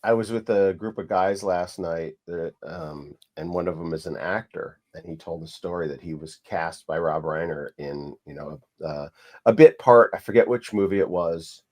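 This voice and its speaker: A man with a lowish voice talks casually as a podcast host. He tells stories in a loose, meandering way, circling back and restarting his sentences. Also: normal speed. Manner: relaxed storytelling with many restarts and fillers. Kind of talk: casual conversation.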